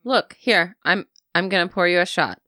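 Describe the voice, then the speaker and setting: A woman's voice: fairly low pitch, moderate pace, bright, forceful tone, no echo, studio quality. A woman in an improvised comedy scene, talking in a hesitant, stammering way.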